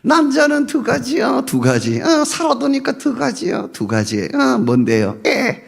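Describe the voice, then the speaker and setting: Boisterous shouting comic preacher man. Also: extremely high pitch, wildly swooping pitch, a little slow, gravelly, slightly rough. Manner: boisterous, swings from whispers to shouted commands, mock-cursing, laughing. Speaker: guest preacher. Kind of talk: comic sermon. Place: church sanctuary.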